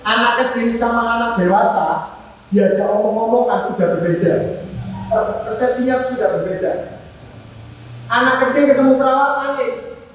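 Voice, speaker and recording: An animated man gives a classroom lesson, breaking into small acted exchanges between nurse and patient. His voice reaches the camera from across the room, and a long reverb hangs on every phrase. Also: extremely high pitch, moderate pace, long pauses. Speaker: student teacher. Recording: echoey classroom from far off.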